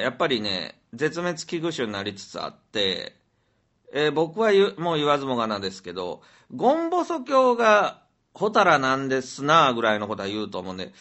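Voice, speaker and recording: Rambling Kansai man with a lively voice. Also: mid-range voice. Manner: rambling, musing aloud with many fillers. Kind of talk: casual chat.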